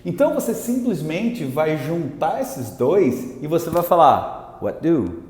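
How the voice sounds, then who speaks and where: A man with a Brazilian Portuguese accent teaching an English lesson, repeating example words slowly and checking in with his viewers often. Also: on the high side, sing-song, a little mellow. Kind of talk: language lesson at a whiteboard. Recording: echoey room with long reverb.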